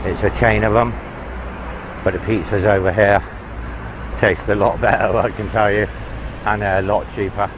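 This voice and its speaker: Strolling beside a busy city road, a lowish-voiced guy vlogs for viewers in a chatty, opinionated way, his delivery flat and at a normal pace with frequent pauses. A handheld camera mic picks up street traffic behind him.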